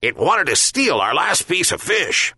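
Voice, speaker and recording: A man reading a storybook voices a loyal little dog, grumpy and always hungry, yelping excitably in a voice pitched well above his own. The sound is husky and dry, with wide swings in pitch. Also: unhurried, no room sound, exaggerated voice.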